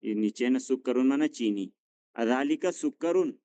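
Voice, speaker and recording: Man, language teacher, patient, encouraging drills, gentle corrections, dry close sound. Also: mid-range voice, animated, moderate pace, clean tone, no room sound. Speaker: Arabic teacher. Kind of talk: classroom drilling lesson.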